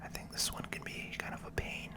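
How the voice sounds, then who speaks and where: While playing through a video game, the channel host whispers calm ASMR commentary at an unhurried pace.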